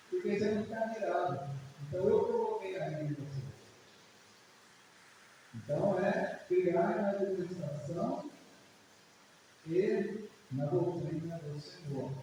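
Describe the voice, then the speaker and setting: A man's voice: sits high, warm tone. A man with a Brazilian Portuguese accent preaching a sermon at a prayer service, chatty, often tagging his sentences with a questioning aside and acting out parents and children. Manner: conversational preaching, frequent "né?" tags, acts out parents and children. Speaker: pastor. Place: church hall. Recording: echoey church hall, distant mic, faint hiss.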